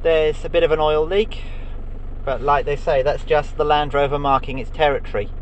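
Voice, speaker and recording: Middle-aged man, slightly high voice, unhurried dry vlog commentary on a handheld cam over a soft idling engine. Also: steady tone, highs cut off, slight background noise. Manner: dry, understated remarks. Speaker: vlogger. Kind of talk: casual running commentary. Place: inside a car and outdoors by it. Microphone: handheld action camera. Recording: faint engine idle behind.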